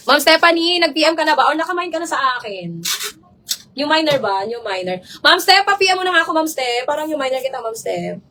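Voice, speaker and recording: A hoarse woman who is losing her voice runs a live selling stream, rapidly calling out buyers' names again and again. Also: high voice, animated, bright, forceful tone, recorded from a distance. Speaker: online live seller.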